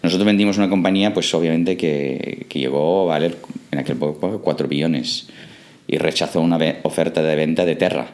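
A man's voice: rumbling low, fairly quick, darkish tone. A man from England, a startup co-founder, answering interview questions in a hesitant way with many fillers and restarts.

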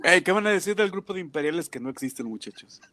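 A man's voice: high voice, lively intonation, quick pace, a crowd in the background. A man with a Mexican accent bantering on a livestream, playful and mock-pompous, peppered with swearing.

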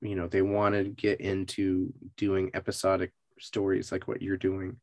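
A man's voice: sits low, completely flat delivery, normal speed, a little mellow, no echo. A man hosting a podcast interview, asking questions in loose, hesitant phrasing full of "like". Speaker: podcast host. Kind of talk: casual interview chat.

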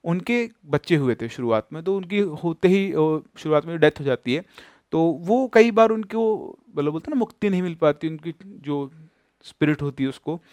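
Male storyteller from rajasthan, dramatic spooky telling, bit high voice, dry close sound. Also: normal speed, no echo. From Rajasthan, India. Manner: animated, dramatic, addresses listeners directly. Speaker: storyteller host.

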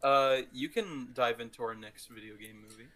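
A man co-hosts a podcast, chatting about movies in a casual, playful and enthusiastic way. His voice is medium in pitch and fairly bright, at a moderate pace.

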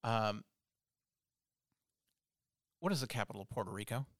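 Very low-voiced woman host with a lisp. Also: moderate pace, no echo. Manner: relaxed, brief replies, asks questions. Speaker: interview host. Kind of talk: casual interview.

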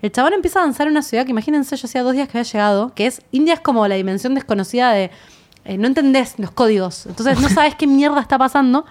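A young woman with an Argentine Spanish accent, chatting casually and telling a lively travel story, acting out the voices she quotes. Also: sits high, racing. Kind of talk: casual chat.

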